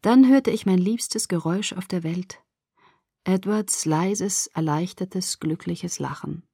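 A woman narrating a first-person novel for an audiobook, following the drama and dropping almost to a whisper in quiet passages. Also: fairly low pitch, takes it slowly, gravelly, slightly rough, no room sound, studio quality.

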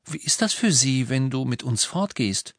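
A man voicing an earnest, anxious teenage girl witch in an audiobook, hesitant and at times shrill. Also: animated, normal speed, fairly bright tone, no echo, clean studio sound.

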